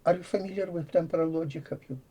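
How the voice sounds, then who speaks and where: An older Latvian computer science professor, appearing as a guest, speaks with a Latvian accent at a quick pace in a fairly high, steady voice that is mellow and husky. He explains ideas as though thinking aloud, often leaving out articles.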